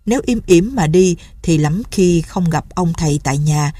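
A woman voicing an older village snake healer who gives calm, practical advice. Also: on the low side, moderate pace, dry recording, lightly acted. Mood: instructive. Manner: calm, instructive.

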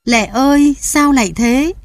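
A woman's voice: sits high, measured pace, pitched above the performer's own voice. A woman voicing an anguished grieving old man. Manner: anguished crying out.

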